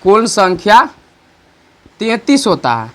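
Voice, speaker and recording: A high-voiced man with big swings in pitch gives an online grammar lesson. He keeps repeating each point and fielding his own questions, and he dictates slowly while writing.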